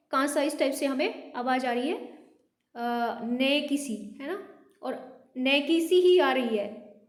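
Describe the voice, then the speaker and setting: A woman teaching Hindi pronunciation, patiently repeating each word slowly for her learners. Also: sits high, echoey room. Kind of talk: classroom lesson on pronunciation.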